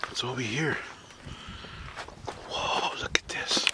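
A man giving casual running commentary while exploring, with excited exclamations that drop to a hush in tight spots, recorded outdoors on a handheld camera. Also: slow, in a whisper. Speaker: vlogger exploring a canyon. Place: outdoors in rock canyons and caves. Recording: outdoor noise on camera mic.

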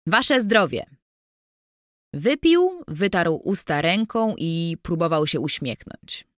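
Woman audiobook narrator, slow and measured, low-pitched, dry close recording. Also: very animated, no room sound.

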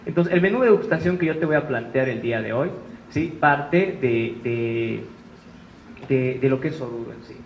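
A man's voice: medium pitch, lively intonation, normal speed, vocal fry. A man with a Bolivian Spanish accent gives a conference talk as a chef, telling stories in a chatty way and checking in with his listeners again and again. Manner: chatty storytelling, tag questions. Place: conference room. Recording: roomy hall, muffled sound, faint noise.

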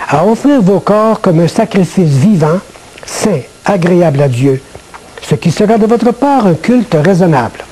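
An older man from Quebec with a Québécois French accent, a former priest giving a measured, earnest personal testimony to camera in a small studio. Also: high-pitched, dark tone, slight background noise, low-quality recording. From Quebec, Canada.

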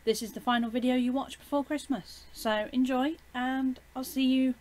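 A woman's voice: high voice, fairly even intonation, normal speed, darkish tone. A young woman with a British accent, chatting casually as a YouTuber in a home vlog, filling gaps with "basically" and "um".

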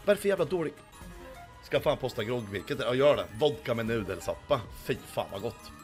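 Hoarse male streamer, crude boastful banter, faint music under him. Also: mid-range voice, expressive. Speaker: livestreamer. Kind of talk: casual livestream chat, reading chat.

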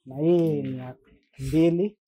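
Here a man with a Kenyan accent, who creates content and sells machines, shows off products while chatting informally, mixing languages and slang. His fairly high voice has fairly even intonation and an unhurried pace, set against a noisy background.

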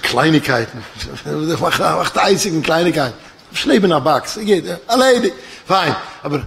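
A man giving a religious lecture as a yeshiva lecturer, telling a story and acting out its dialogue with lively restarts. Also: medium pitch, vocal fry. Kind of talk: religious lecture told as a parable.

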